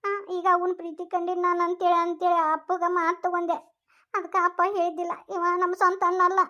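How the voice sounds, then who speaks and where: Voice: very high-pitched, completely flat delivery, a little fast, pushed and bright, highs cut off. A voice actor playing a remorseful young daughter with a North Karnataka accent. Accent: North Karnataka Kannada. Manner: hesitant, apologetic.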